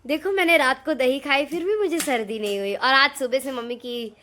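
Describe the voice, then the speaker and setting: A woman's voice: sits high, a little fast, a little hiss or hum. Chatty young woman vlogging at home. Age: young adult. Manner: chatty, teasing, animated storytelling. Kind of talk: casual family vlog. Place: at home with family.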